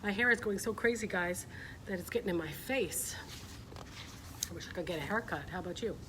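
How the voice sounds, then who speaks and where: Talking a little fast with lively intonation and a fairly low pitch, a middle-aged woman hosts a children's story-time livestream. She chats informally and reads a picture book aloud over clear background noise.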